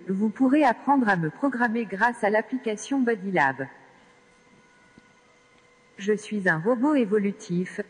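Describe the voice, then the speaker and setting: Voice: medium pitch, husky. A text-to-speech voice playing a friendly, helpful companion robot, giving polite, chirpy scripted replies during a live stage demo. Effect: synthetic text-to-speech robot voice from a small speaker. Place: event stage in a large hall. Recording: long hall reverb, airy tone.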